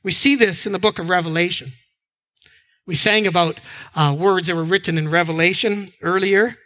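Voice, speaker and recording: A man's voice: high-pitched, steady tone, moderate pace, bright, forceful tone. A man preaching a sermon as a pastor, earnest, and now and then repeating words.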